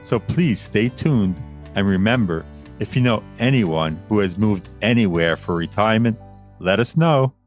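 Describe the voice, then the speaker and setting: A middle-aged man from Long Island, New York, co-hosting a podcast, reading intros and bios with dry, deadpan jokes. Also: on the low side, a little slow, soft background music. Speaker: podcast co-host.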